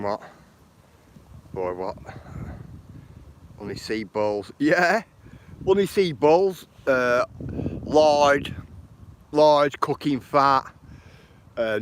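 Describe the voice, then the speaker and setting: A man's voice: a little high, slight background noise. A man with a Lancashire accent chatting casually on a walking live stream outdoors by the water, greeting viewers by name and calling them bro and bruv. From northern England. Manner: uses slang like bro and bruv.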